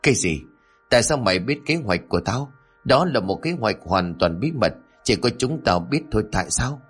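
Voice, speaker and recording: A man voicing a shrill scheming village woman. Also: animated, moderate pace, fairly bright tone, husky, faint music behind. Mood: panicked.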